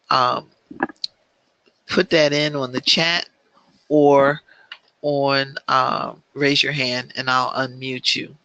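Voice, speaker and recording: A man teaching an online business planning class, speaking in a measured way with frequent filler ums. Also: medium pitch, sharp tone, smooth, no room sound.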